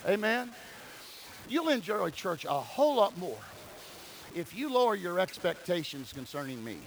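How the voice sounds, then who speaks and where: With a high, creaky voice and big pitch swings at normal speed, this man preaches to his congregation from a church sanctuary mid-service. He leans on repeated key phrases and calls for amens, shifting between quiet speech and loud, emphatic cries. Slight background noise and a rough recording come through.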